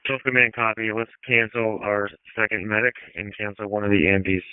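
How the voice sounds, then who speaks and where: A man working as a fire incident commander, giving brisk, procedural commands over a two-way radio. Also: on the low side, steady tone, smooth, dry recording. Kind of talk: fire radio dispatch traffic, clipped commands. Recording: narrow-band two-way radio transmission.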